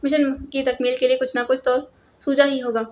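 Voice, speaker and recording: A woman's voice: sits high, level tone, a little hiss or hum, natural voice. A woman voicing a loyal male agent who asks respectful questions, in a storybook reading. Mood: questioning. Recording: lo-fi, dull sound.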